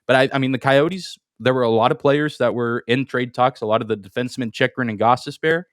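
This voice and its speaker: Speaking fast at a medium pitch, this sports podcast co-host comes through in clean studio sound with no echo. His talk is casual and hedging, and he tends to repeat his opening words while thinking aloud.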